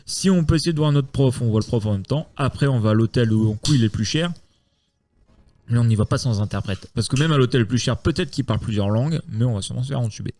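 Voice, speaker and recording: A man's voice: medium pitch, fast talker, darkish tone. A young man playing a tabletop game, chatting and planning aloud. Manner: chatty, plans aloud, laughs often. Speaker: player. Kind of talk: casual chat at a tabletop game.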